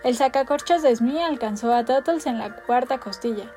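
A woman narrating a storybook with an expressive, theatrical delivery. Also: high-pitched, moderate pace, faint music behind.

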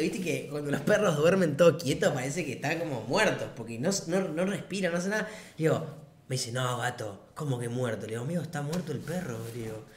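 A man's voice: high-pitched, a little hiss or hum. Brief: Argentine man, twenties, casual storyteller, slangy and chuckling, roomy echo. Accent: Argentine Rioplatense Spanish. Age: 20s. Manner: slangy, laughs often mid-story. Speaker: vlogger. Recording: roomy echoey room.

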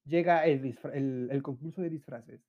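A nineteen-year-old Mexican host, late teens, chats through a casual solo podcast in a Mexican Spanish accent, slangy, laughing often and performing his friends' voices. His voice is medium-pitched at a moderate pace, and the sound quality is lo-fi.

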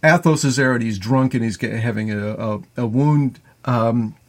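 Man, gravelly voice, casual movie recap, rambling with fillers. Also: mid-range voice, moderate pace. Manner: rambling, many fillers and restarts. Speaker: podcast co-host.

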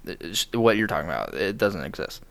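A man's voice: low voice, sing-song, quick pace, gravelly, fairly bright tone. A man with an American accent chatting casually, blunt, sweary and rambling. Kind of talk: casual chat.

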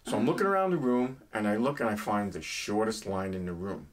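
A middle-aged New Yorker with the accent to match, appearing as a guest in a casual chat and spinning stories laced with jokes. His voice sits fairly low and moves briskly, with a slight hiss or hum in the recording.

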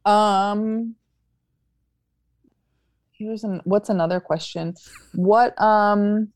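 A woman's voice: medium pitch, fairly even intonation, extremely slow, a little mellow, no echo. A woman comedian guesting on a podcast, joking and teasing in casual chat. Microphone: studio microphone.

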